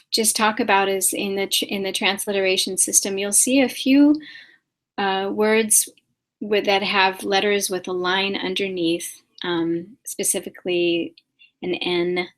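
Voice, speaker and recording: A woman answering viewers' questions in a live-stream class, speaking patiently with many pauses and soft fillers and repeating sounds to show how they are said. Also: lowish voice. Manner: demonstrates pronunciation by repeating sounds. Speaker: spiritual teacher answering questions.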